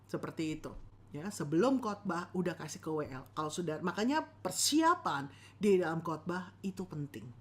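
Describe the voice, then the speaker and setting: Lively woman teaching preaching. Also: on the low side, normal speed. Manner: lively, animated, calls on the audience. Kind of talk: church preaching lesson.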